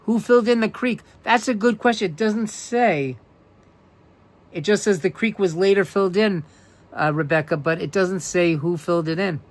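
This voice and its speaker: A man with a New York accent hosting a casual live-stream, reading trivia questions aloud and answering viewers by name in a chatty, relaxed way. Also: high voice, normal speed. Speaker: livestream host.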